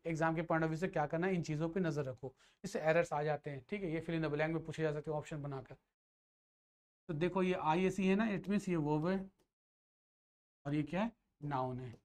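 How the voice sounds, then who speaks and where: Man quizzing through a grammar lesson. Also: a little high. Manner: asks and answers his own questions. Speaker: grammar teacher. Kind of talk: classroom lecture.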